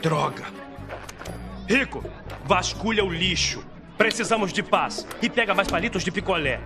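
A man voicing a shrewd, bossy penguin squad leader in an animated film dub, speaking in clipped military orders. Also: high-pitched, normal speed. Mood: commanding. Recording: loud music behind the voice.

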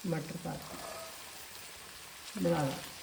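A woman with a Punjabi accent, hosting a cooking channel, calmly explaining each step and speaking to viewers directly. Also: deep voice, drawn-out words, creaky. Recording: echoey kitchen with faint noise. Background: sizzling and stirring of food.

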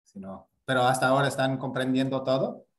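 A man's voice: mid-range voice, fairly quick. A man teaching a casual grammar lesson, explaining patiently with many fillers and checking in with tag questions. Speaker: Spanish teacher.

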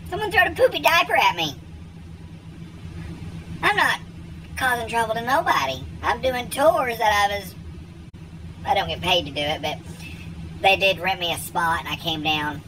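A man rambles through a comedic monologue to camera as a self-important tour guide, animated and chatting with people off camera, his pitch swinging widely from line to line. He talks at a normal speed with long pauses. Recorded roughly on a phone at arm's length, first outdoors by a lake with wind and cars hissing behind him, then inside a truck cab.

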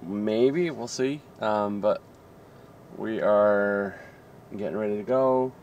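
A man in his thirties co-hosting a casual road-trip vlog, chatty and excitable, filmed on a handheld phone in a car and an arcade. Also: on the low side, slow, muffled recording, a little hiss or hum. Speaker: vlog co-host. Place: inside a car, then a loud arcade. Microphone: handheld phone camera at arm's length.

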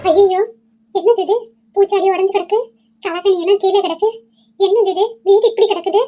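A woman voicing a flustered, panicky housewife with a shrill, alarmed way of talking, in a cartoon. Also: steady tone, normal speed, dark tone. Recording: slightly dull lo-fi audio.

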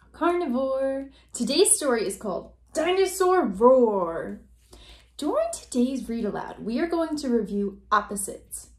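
Animated sing-song woman teacher. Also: high-pitched, unhurried, reverberant. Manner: sing-song, animated, coaxing questions to young children. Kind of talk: children's read-aloud lesson.

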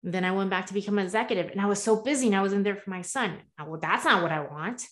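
Her mid-range voice races along as this earnest guest coach, a woman in her forties born in the US and partly raised in Taiwan, tells her story candidly over webcam audio. She's in a home room with shelves, gesturing animatedly and peppering her talk with chatty "right?" asides.

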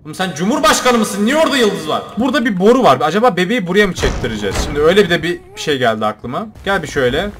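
A young man commentating his own gameplay, joking and shouting at the game characters. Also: sits high, sing-song, rapid-fire, few pauses, background noise. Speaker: gaming YouTuber. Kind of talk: let's play commentary.

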